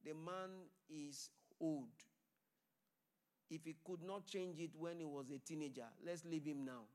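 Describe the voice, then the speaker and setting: A man preaching a sermon in a pleading, call-and-response way, pausing for the congregation to answer. His voice sits slightly higher than most men's. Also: steady tone. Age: adult. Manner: loud declaring blessings.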